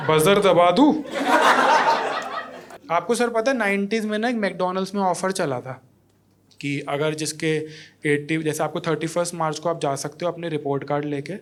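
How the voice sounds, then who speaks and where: A man's voice: on the high side, a little hiss or hum. A man in his thirties performing a stand-up comedy set in a comedy club, teasing the audience and judges and acting out quotes. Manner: acts out quotes in other voices.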